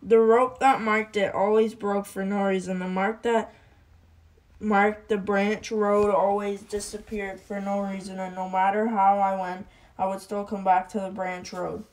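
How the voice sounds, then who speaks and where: A woman's voice: mid-range voice, flat delivery, measured pace, a little mellow, lightly acted, poor audio. A woman voicing a shaky cartoon wolf boy, Boris. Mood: reading. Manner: shaky, nervous. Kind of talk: Minecraft let's play role-play.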